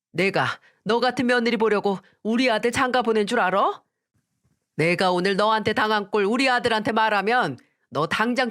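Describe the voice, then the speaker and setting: A woman doing a furious shrill mother-in-law. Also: a bit bright, natural voice. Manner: shrill, abusive berating. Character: furious scolding middle-aged mother-in-law.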